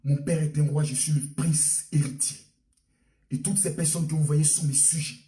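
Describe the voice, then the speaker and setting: A man doing a deep, pompous crown prince. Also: steady tone, warm tone, natural voice. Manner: grand, slow and self-important. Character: pompous male crown prince boasting of his subjects. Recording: roomy, distant mic.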